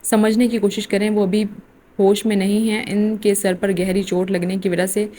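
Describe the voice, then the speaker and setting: A woman reading as a gentle, patient doctor. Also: mid-range voice, flat delivery, a little hiss or hum, natural voice. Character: calm gentle male hospital doctor.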